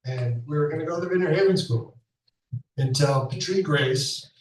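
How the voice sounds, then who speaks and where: A man whose voice is a little high talks at normal speed, giving a spontaneous tribute at a memorial in a school hall. He tells stories casually and laughs along the way. Slight background noise, hall echo, and a distant-sounding mic mark the recording.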